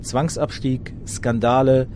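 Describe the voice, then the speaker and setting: A man with a mid-range voice, steady in tone and a little mellow, narrates a scripted documentary report, reading dates and facts in a measured, matter-of-fact way. The recording is noisy, with traffic clearly audible behind him.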